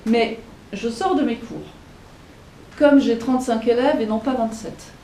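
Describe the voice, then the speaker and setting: A woman teacher giving a conference talk, speaking haltingly with many fillers and restarts. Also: mellow. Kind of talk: lecture. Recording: echoey room, faint rumble.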